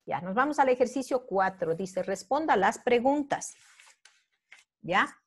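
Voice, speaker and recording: A woman's voice: on the high side, animated, a little slow, husky. A middle-aged woman teacher, patiently explaining a review lesson step by step and checking in with her students. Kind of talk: online class review.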